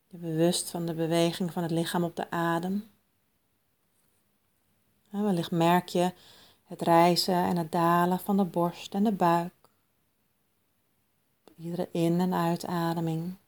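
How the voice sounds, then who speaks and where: A woman guiding a mindfulness meditation in a soft, calm, soothing manner with long pauses. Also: on the low side. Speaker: meditation guide.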